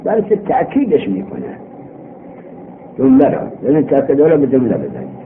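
A male teacher giving a classroom grammar lesson, explaining step by step and quizzing his students, heard on an old worn tape recording. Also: mid-range voice. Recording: tinny old tape with hiss.

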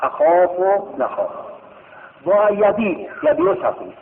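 A male teacher giving a classroom grammar lesson, drilling verb forms in a slow sing-song chant and checking with rhetorical questions. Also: sits high, wildly swooping pitch, a little hiss or hum. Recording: tinny phone-like sound in a reverberant hall.

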